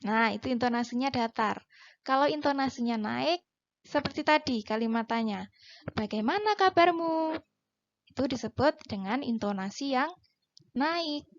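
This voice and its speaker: A woman teacher giving a patient, clearly spoken lesson to young schoolchildren, stretching her words and lifting her questions. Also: on the high side, muffled recording. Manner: patient, drawn-out delivery with rising question intonation. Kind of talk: slow, clear classroom lesson for children.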